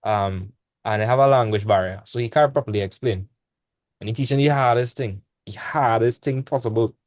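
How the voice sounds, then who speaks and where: A man's voice: medium pitch, fairly quick, a little mellow, dry recording. A young man, tutoring maths in a casual online class. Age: young adult. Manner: casual, laid-back teaching with dialect speech. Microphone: video call.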